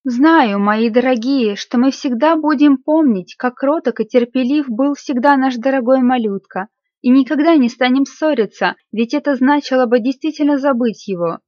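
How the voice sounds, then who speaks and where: Brief: woman narrator voicing a gentle grieving father, soft and earnest, somewhat high voice, muffled dry audio. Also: moderate pace, no echo. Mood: tender. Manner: tender, earnest, choked with feeling. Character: grieving, gentle middle-aged father clerk. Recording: slightly muffled dry recording.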